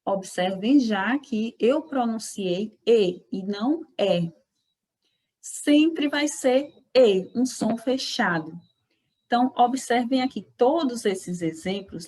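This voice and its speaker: A Brazilian woman with Portuguese as her first language, giving a Spanish lesson and speaking slowly to her students, modelling each word so they can repeat it after her. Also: mid-range voice, a little mellow, poor audio. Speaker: Spanish teacher. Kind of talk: slow, careful language lesson.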